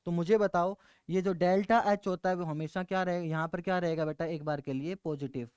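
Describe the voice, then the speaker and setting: Man teaching chemistry, smooth and dry. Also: high voice, darkish tone, no room sound. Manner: asks questions and answers them himself, calls students beta. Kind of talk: classroom lecture.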